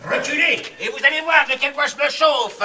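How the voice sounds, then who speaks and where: A man's voice: very high voice, normal speed, bright, forceful tone, a little hiss or hum, full character voice. A man playing a gloating wicked sorcerer. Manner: gloating, theatrical. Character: boastful wicked male sorcerer. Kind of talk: live puppet show acting. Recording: echoey room from far off.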